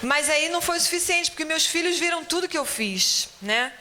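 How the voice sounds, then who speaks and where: A woman's voice: high-pitched, lively intonation, a little fast, pushed and bright. A Brazilian woman teaching a church Bible class, telling a personal testimony in a chatty storytelling way full of tag questions.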